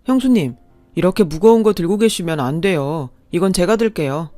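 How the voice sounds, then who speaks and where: A woman's voice: lowish voice, animated, brisk, warm tone, dry recording, soft background music, lightly acted. A woman voicing a smug, condescending young brother-in-law with a sneering, mock-polite way of talking. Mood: fake polite.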